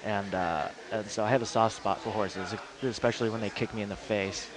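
A man's voice: lowish voice, fairly even intonation, fairly quick, a crowd in the background. A man co-hosting a radio show, chatting loosely about local events with lots of fillers and jokes. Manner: rambling, joking, many fillers and restarts. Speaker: radio co-host.

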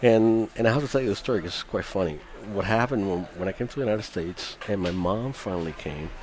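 Radio guest: deep-voiced Cuban-born musician in his fifties, relaxed and chatty. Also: quick pace. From Cuba. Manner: chatty, laughs often, many restarts. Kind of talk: radio interview.

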